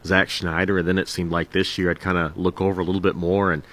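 A man's voice: low voice, little pitch movement, quick pace, a bit bright. A man hosting an interview podcast in a friendly, easygoing way. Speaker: podcast host.

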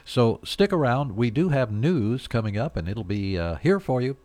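A man's voice: mid-range voice, expressive, moderate pace, a little mellow, no echo. A man hosting a local radio show and reading the news. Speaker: radio host and newsreader.

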